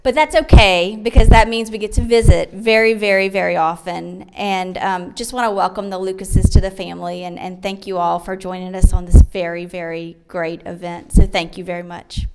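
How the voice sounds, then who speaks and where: A woman's voice: lowish voice, fairly even intonation, moderate pace, few pauses, heavy background noise. Woman giving a sincere wedding toast. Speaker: bride's family member giving a toast.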